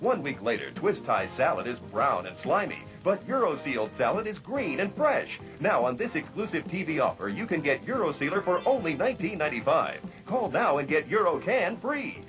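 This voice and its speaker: A man delivering a scripted infomercial sales pitch as an announcer, emphatic and enthusiastic. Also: big pitch swings, moderate pace, few pauses. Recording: music behind the voice.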